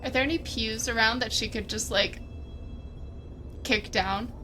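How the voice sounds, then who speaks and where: A woman with a fairly high voice speaks unhurriedly as a tabletop game player over a livestreamed video call. She muses tentatively and casually about her characters' actions, with noticeable background noise in the recording.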